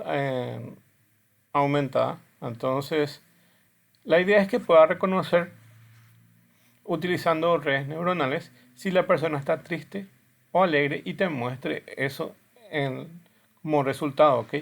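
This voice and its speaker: Gravelly-voiced male teacher lecturing. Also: on the high side, unhurried. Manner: explains step by step, often checks in with "ok". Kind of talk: classroom lecture with video demos.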